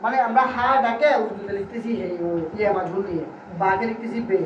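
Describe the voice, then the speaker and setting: A male Urdu grammar teacher with a high-pitched voice and quick pace lectures a class, constantly quizzing students and drilling them call-and-response style to check they follow. He sounds distant from the mic in a roomy classroom, and the recording is dull with a faint hiss.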